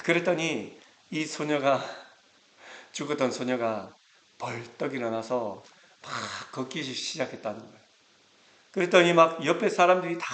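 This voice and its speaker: A man's voice: medium pitch, fairly bright tone, echoey room. A male pastor giving a Sunday sermon, retelling a Bible story in a casual, conversational way. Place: church sanctuary.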